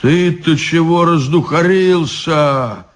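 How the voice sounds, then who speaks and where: Man doing a gruff young peasant hero, blunt, raised voice; storybook. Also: fairly high pitch, slow pace, pitched above the performer's own voice. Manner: gruff, threatening.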